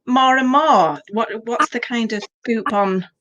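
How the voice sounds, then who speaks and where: A woman's voice: fairly high pitch, a little slow, highs cut off, crowd noise. A woman host talking in a casual, chatty and personal way in a conversational interview. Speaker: host, former yoga class teacher.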